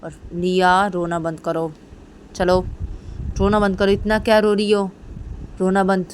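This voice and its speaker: A woman's voice: mid-range voice, level tone, unhurried, a little hiss or hum, natural voice. A woman voicing an angry young mother who scolds her child harshly. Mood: angry, scolding. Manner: sharp, scolding interrogation.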